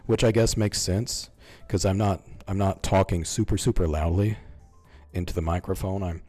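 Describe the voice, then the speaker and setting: A young man talks through a video game in a flat, relaxed monotone, his voice deep and mellow. He sits close to the microphone at home, so every word comes through near and intimate. Faint music plays softly underneath. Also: normal speed. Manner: self-described monotone, relaxed and mumbling. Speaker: gaming YouTuber. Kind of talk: casual gameplay commentary. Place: home streaming setup, leaning back. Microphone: close microphone in front of mouth.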